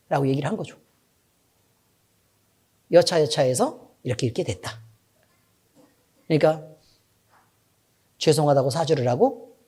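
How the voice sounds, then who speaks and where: Animated man preaching a sermon. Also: husky. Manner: animated storytelling with frequent asides to the congregation; swings from loud emphatic bursts to low, quiet asides. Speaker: pastor.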